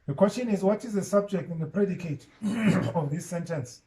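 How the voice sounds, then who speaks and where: A male teacher leads an online class, walking students step by step through a grammar lesson and quizzing them as he goes. His voice sits a little high for a man and has a mellow, dark tone. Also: normal speed, rough recording. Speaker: Islamic studies and Arabic teacher.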